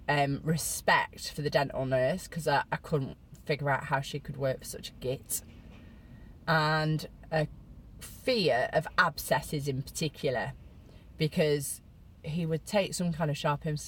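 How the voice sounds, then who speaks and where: A middle-aged woman from Britain talks straight to the camera in a low, easy voice. She tells her story casually, poking fun at herself, and her pitch shoots up high when she wants to stress a point. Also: slight background noise. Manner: chatty, self-mocking, with sudden high squeals for emphasis. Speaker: vlogger.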